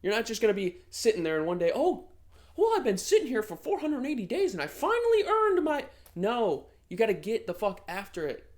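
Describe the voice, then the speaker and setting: A man's voice: sits high, wildly swooping pitch, brisk. A man in his thirties talking in a casual vlog, brash and motivational, swearing freely. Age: 30s. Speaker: vlogger.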